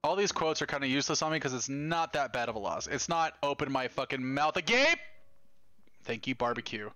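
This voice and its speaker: A man live-streaming a game, chatting casually with viewers, profane and excitable. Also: medium pitch, fast talker, no echo. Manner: profane, excitable, talks to chat. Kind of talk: casual live gameplay chat.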